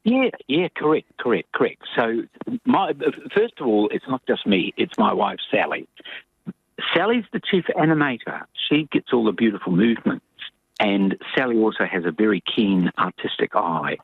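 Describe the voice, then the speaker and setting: An older man from New Zealand speaks over a tinny, dry phone line from his home abroad. His voice sits low and a little husky, but he tells his story with lots of swing in pitch, wandering from point to point. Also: moderate pace, dry recording. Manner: animated, rambling storyteller. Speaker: puppet maker guest. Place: home in rural Queensland, Australia, on a phone line.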